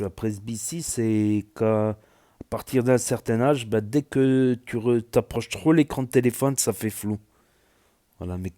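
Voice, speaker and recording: A man with a mellow, medium-pitched voice and a southwestern French accent hosts a YouTube news channel. He reacts casually and rambles, leaning heavily on "euh" and "voilà" and often starting over mid-thought.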